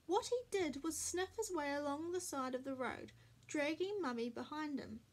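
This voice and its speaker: A woman reading a children's picture book aloud as a storyteller, slow, clear and expressive. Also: sits high.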